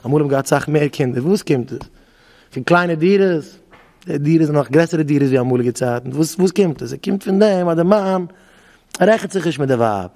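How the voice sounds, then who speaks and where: A fairly high-voiced man gives an informal lecture as a rabbi teaching young married men. He keeps pressing his listeners with rhetorical questions and hammers his points home by saying phrases again and again. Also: brisk, a little mellow. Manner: fires repeated rhetorical questions; repeats phrases for emphasis.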